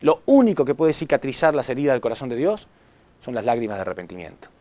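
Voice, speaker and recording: A man preaching a sermon to a congregation, impassioned, swinging between loud appeals and hushed words, often asking the audience questions. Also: medium pitch, very animated, fast talker. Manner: addresses audience with rhetorical questions.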